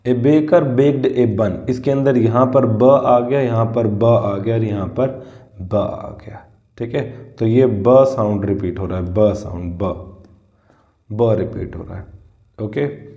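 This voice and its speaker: Slow, dark-voiced male teacher. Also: lowish voice, steady tone. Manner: slow, spells out sounds word by word. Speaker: English teacher. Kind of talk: whiteboard grammar lesson. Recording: echoey, dull lo-fi room sound.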